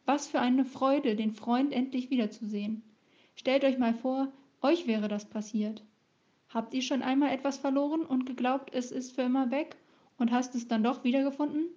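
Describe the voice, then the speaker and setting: A woman's voice: sits high, fairly even intonation, moderate pace, warm tone. A woman talking to children in an encouraging way and asking them questions. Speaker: children's service presenter. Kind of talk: friendly talk to children. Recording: dull lo-fi recording.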